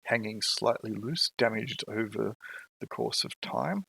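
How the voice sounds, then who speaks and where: A man's voice: lowish voice, measured pace, creaky, husky, no room sound, low-quality recording. A man narrating and ruling as game master of an online tabletop game. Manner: relaxed, describing scenes and rules.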